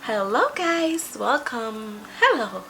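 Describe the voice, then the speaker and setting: A young woman, a beauty vlogger whose first language is Spanish, sits at her desk in a small home room with a patterned wall, chatting through each step of a makeup tutorial on webcam. Her slightly high voice is very animated, bright and pushed, and she takes her time. The audio is poor, with slight background noise.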